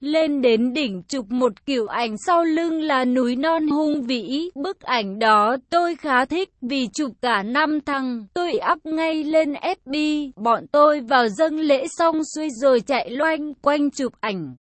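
A woman's voice: sits high, lively intonation, takes it slowly, hardly any pauses, no room sound. A woman narrating a first-person story in a casual, conversational way.

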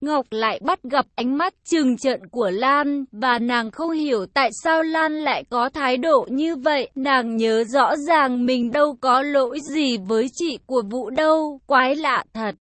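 A woman narrating a story in an even, unhurried way. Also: high-pitched, no echo. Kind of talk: story reading.

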